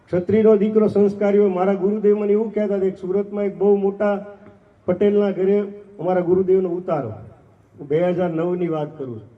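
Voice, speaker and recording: A man delivers a fiery sermon, his voice pitched high as he fires rhetorical questions at the crowd and mimics the people he quotes. The recording is distant and tinny, thin like a phone line. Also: steady tone, brisk. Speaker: ashram trustee giving a festival speech. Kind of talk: impassioned public sermon.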